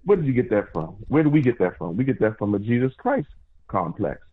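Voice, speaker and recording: Male caller, husky voice, tinny phone line with tunnel-like echo, earnest and stumbling. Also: mid-range voice, sing-song, a little fast. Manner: earnest, repeats and restarts words. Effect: echoey phone line, like talking from a tunnel. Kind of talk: call-in radio discussion. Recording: tinny, echoing phone call.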